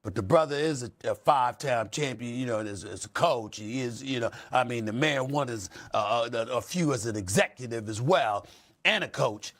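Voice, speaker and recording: A man on a sports debate show giving an impassioned speech, dropping to soft, emotional asides and then building up to shouting. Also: mid-range voice, normal speed.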